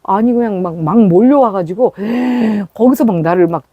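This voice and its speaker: A woman's voice: medium pitch, normal speed, warm tone, husky, no echo, muffled recording. A woman preaching a sermon through a personal story, acting out the scenes as she tells them.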